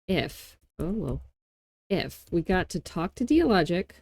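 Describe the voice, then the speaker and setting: The host of a software tutorial, a woman with a mellow, lowish, creaky voice, walks through it at a measured pace with wide swings in pitch. She's casual and playful, using folksy, informal grammar and self-mocking asides. The sound is dry and close-miked, with no room tone.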